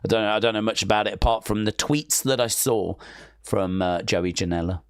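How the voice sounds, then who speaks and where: A man's voice: on the low side, steady tone, fairly quick, clear, resonant tone, no echo, clean studio sound. A man co-hosting a wrestling podcast, chatting casually and hesitantly, often trailing off with "I don't know.". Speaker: podcast co-host. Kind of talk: casual chat.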